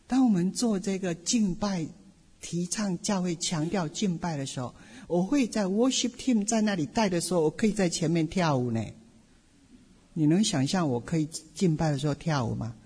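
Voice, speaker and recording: A middle-aged woman pastor giving a personal testimony sermon, telling her story in an animated way with playful asides. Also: fairly low pitch, normal speed, breathy edge. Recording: long hall reverb.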